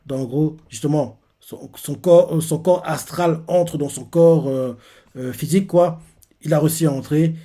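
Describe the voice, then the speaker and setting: A man's voice: a little high, moderate pace, mellow. Rambling young-sounding French man. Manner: rambling, many fillers. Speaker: manga reaction youtuber. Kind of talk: casual retelling and reaction.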